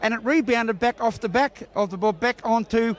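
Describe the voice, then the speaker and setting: An Australian sports reporter with an extremely high-pitched voice talks at normal speed as he interviews bowlers after a match. Standing on an outdoor bowling green, he is chatty and full of congratulations.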